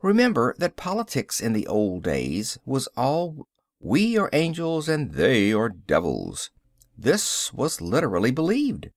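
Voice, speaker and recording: In an audiobook, a man voices an adult male social scientist who lectures with a confident, explanatory cadence. His medium-pitched voice swoops wildly and moves a little slowly, recorded clean in a studio with no echo.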